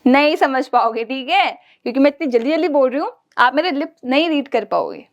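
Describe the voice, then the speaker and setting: A woman teacher gives a lively online lesson to children, speaking directly to them and imitating everyday sounds. Her voice is high-pitched and fairly quick, and the recording's highs are cut off.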